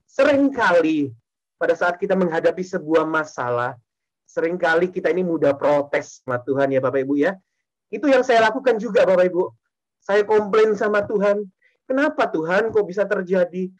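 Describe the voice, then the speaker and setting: A man's voice: high-pitched, a little fast, low-quality recording. A man giving a testimony sermon to a congregation, repeating his phrases and often turning to address the listeners directly.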